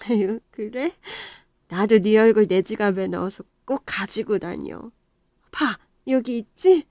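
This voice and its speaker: A woman's voice: medium pitch, measured pace, a little mellow, no echo, studio quality, close to an everyday voice. A woman voicing a humble grandmother of seventy who sighs and pleads, in a storytelling radio drama. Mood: pleading. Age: 70s. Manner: sighing, tearful, pleading.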